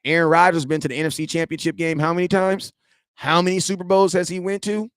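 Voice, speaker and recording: A man, reading and answering viewer chat in a slangy, animated sports rant. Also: a little high, fast, clear, resonant tone, no echo, clean studio sound. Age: 40s. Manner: animated, slangy trash talk, shouts at chat. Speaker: sports fan streamer.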